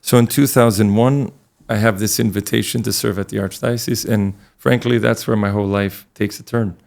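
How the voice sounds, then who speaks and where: Middle-aged priest, deep gravelly voice, earnest and relaxed when he recounts his past. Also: normal speed. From Connecticut, USA. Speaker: priest, guest. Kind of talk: conversational interview storytelling.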